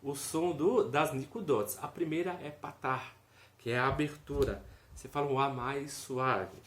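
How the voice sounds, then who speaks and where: With a mid-range, slightly bright voice and a little slow delivery, a man teaches a casual video lesson. He explains step by step, frequently asks "ok?" and voices each vowel aloud. Faint noise and room echo are audible.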